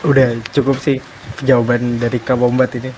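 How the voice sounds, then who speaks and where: Flat-voiced man in casual chat. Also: mid-range voice, a little fast, a little hiss or hum, low-quality recording.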